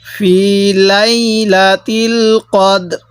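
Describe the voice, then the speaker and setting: A man with a Bangladeshi Bengali accent gives a recitation lesson, his voice smooth and resonant. He draws each chanted word out slowly, then talks through the pronunciation rules at an unhurried teaching pace. The sound is close and dry. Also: sits high, fairly even intonation, fairly bright tone, no echo. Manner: alternates drawn-out melodic recitation with brisk spoken instruction. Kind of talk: tajweed lesson, slow chanted recitation between quick explanations.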